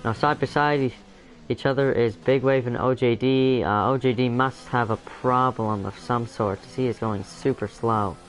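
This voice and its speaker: A man's voice: medium pitch, fairly even intonation, normal speed, rough recording. A young man giving live commentary on a sim-racing league, rambling with many fillers and self-corrections. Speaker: race commentator.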